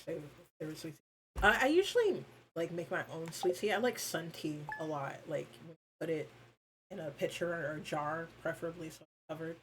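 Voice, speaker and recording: A woman's voice: deep voice, animated, fairly quick, fairly bright tone, a little hiss or hum, poor audio. A woman streamer chatting casually and rambling with her viewers, informal, with lots of fillers and the odd swear.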